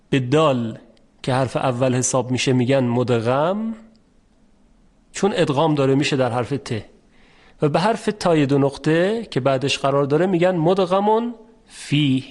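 A man teaching a lesson on recitation rules, patiently explaining step by step and repeating each example slowly. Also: fairly high pitch, a little mellow. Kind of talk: formal spoken lesson.

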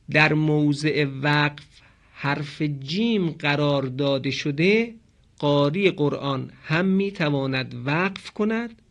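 A man's voice: fairly high pitch, a bit bright. A man teaching Quran recitation rules, who asks questions and answers them himself and stretches out key terms. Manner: didactic, poses questions then answers them; stresses and drags out key terms. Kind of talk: explanatory lesson on pause marks.

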